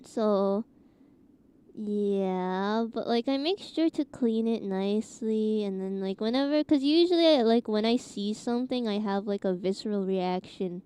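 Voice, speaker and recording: A woman's voice: mid-range voice, unhurried, mellow, smooth. A woman streamer chatting casually in a scratchy morning voice, rambling with lots of fillers and laughs. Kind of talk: casual chat.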